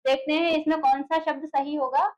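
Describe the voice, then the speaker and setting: A woman with a high voice teaches an exam-prep lesson. She keeps posing rhetorical questions and then answers them herself. Her voice is heard up close. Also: flat delivery, a little fast, highs cut off.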